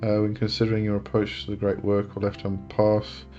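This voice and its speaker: An Englishman in his forties hosts a casual live chat, fielding viewers' questions in a lowish, monotone, mellow voice at a brisk clip. He rambles, corrects himself, and chuckles often, over lo-fi sound with faint music behind him.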